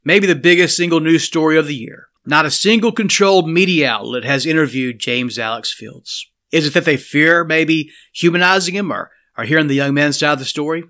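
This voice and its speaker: A man's voice: on the high side, a little fast, hardly any pauses, bright, forceful tone. A man delivering a scripted political commentary monologue, speaking earnestly and addressing the listener directly.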